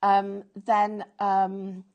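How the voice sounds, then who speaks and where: A woman's voice: mid-range voice, completely flat delivery, very slow, a little mellow, highs cut off. A woman presenting a live craft shopping show, selling with chatty, jokey enthusiasm.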